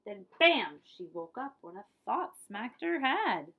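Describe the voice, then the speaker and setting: Reading a children's picture book as a librarian, a woman uses a slightly high, sing-song voice that is bright yet husky and forceful. She goes unhurriedly, with dramatic emphasis and friendly asides.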